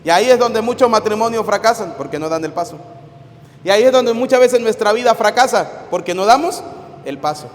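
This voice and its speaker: A man preaching a homily at mass, his voice sitting fairly high for a man. His delivery is animated, swinging from loud outbursts to hushed asides as he tells stories. The sound rings with a long church reverb. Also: fairly quick. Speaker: priest.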